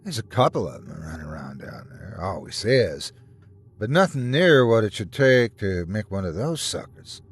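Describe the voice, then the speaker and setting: A man's voice: fairly low pitch, very animated, moderate pace, husky, heavily acted. A man voicing an older male pest exterminator in a narrated horror story, blunt, cautious and matter-of-fact. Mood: dismissive.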